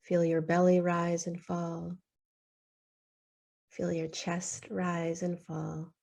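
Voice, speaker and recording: This woman's voice is on the low side, gravelly and a little mellow, held in a monotone as she leads a guided meditation. She takes her time soothingly, with long silences between brief phrases.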